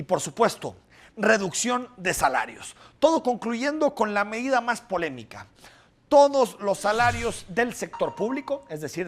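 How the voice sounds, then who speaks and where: A man delivering scripted news commentary, explaining and listing points briskly. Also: high voice, fairly bright tone.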